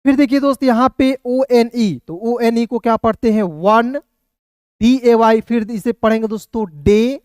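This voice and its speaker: A man teaches an online English reading class, taking each word apart letter by letter and checking in with his viewers as friends. His voice is smooth and clear. The recording is dry, with no room echo. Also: very high voice, fairly even intonation, unhurried, a little mellow. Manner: spells words letter by letter, often calls listeners friends.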